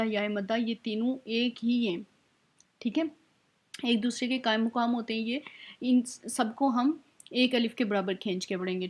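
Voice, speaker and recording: A woman teaching Quran recitation in an online lesson, explaining patiently step by step and checking in often. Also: fairly high pitch. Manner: slows down to spell out recited words.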